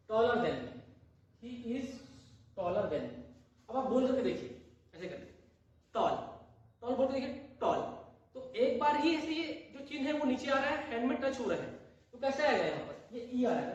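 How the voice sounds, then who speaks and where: A male teacher walks through a grammar lesson, sounding out words slowly and repeating them. He keeps asking his listeners questions and then answers them himself. His voice comes from some distance in a hard, very echoey room. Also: very high-pitched, darkish tone. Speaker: English teacher. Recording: very echoey room, voice far from the mic.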